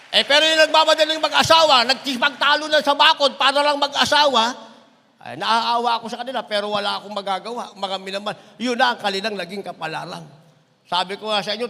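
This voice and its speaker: A middle-aged man preaching an impassioned sermon, swinging between shouts and low asides. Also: vocal fry. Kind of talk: Tagalog sermon. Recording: long hall reverb.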